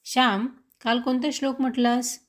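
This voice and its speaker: A woman's voice: a little high, flat delivery, normal speed, pitched above the performer's own voice, natural voice. A woman voicing a strict village father who questions his son in a raised, demanding voice in a read-aloud story. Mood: angry. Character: strict father, angry then gentle.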